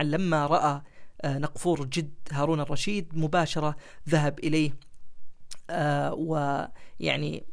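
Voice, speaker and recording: A man telling history stories and reading old letters aloud, with frequent hesitant fillers between phrases. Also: a little high. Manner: measured, formal delivery when reading quoted letters. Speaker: history show host.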